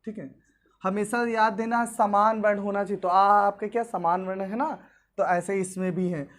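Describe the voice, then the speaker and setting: A man's voice: high voice, fairly even intonation, moderate pace. Guy teaching grammar, keeps asking "what happens then" and answering it, goes over each step twice. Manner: asks questions then answers them himself, repeats each step. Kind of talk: classroom grammar lesson.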